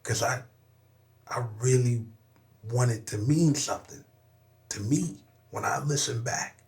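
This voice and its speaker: A man's voice: medium pitch, measured pace, a little mellow. A young adult man from Southern California, a rapper guesting on a podcast, who tells a personal story in a candid, emphatic way, swearing often and repeating "you know what I'm saying".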